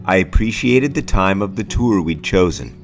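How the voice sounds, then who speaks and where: A man's voice: sits low, expressive, moderate pace. Man narrating like a nature documentary, music behind. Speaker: travel show narrator.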